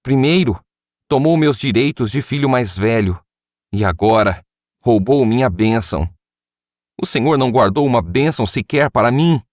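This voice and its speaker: A man's voice: on the low side, lively intonation, moderate pace, no room sound, clean studio sound, close to an everyday voice. A man reading the voice of Esau, a grown son crying out in bitter, anguished pleading to his father.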